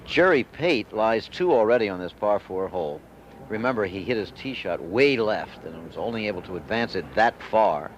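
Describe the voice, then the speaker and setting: A man with a fairly low voice calls golf in a measured, descriptive play-by-play style. The sound is a dull old TV broadcast with clear background noise from outdoors. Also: animated. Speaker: golf commentator. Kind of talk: live golf play-by-play commentary. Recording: dull, noisy vintage TV broadcast.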